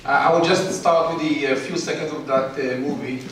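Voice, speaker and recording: A man's voice: on the high side, steady tone, a bit bright, far from the mic, a little hiss or hum. Man from ethiopia telling his story at a podium, stops a lot, big echoey hall. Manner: halting, many filler pauses. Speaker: guest speaker. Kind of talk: personal story speech. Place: large hall.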